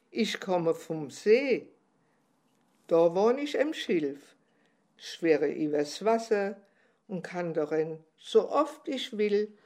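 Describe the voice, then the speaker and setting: A woman voicing a vain, indignant dragonfly in a storybook, speaking in a slow, haughty way. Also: on the low side, darkish tone.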